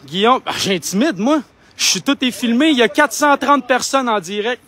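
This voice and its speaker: Young man, Québécois accent, high-pitched, indignant, argumentative, phone livestream outdoors. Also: lively intonation, normal speed, a bit bright. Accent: Québécois French. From Quebec. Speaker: independent livestreamer. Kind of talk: live street vlog. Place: outdoors outside a building.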